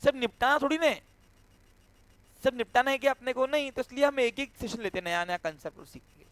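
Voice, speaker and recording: A man with a high-pitched voice teaches commerce students, walking through accounting entries one step at a time. He keeps checking that the class understands and acts out small scenes with a student. The sound is dry, with little room echo. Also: fairly quick, fairly bright tone, smooth. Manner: acts out a cash handover with a student. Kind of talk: classroom lecture.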